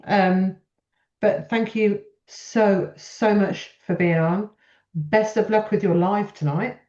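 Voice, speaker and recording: A woman's voice: mid-range voice, slow, a little mellow. A woman hosting a casual chat, effusive and encouraging towards her guest. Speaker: podcast host. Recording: echoey room, slightly dull audio.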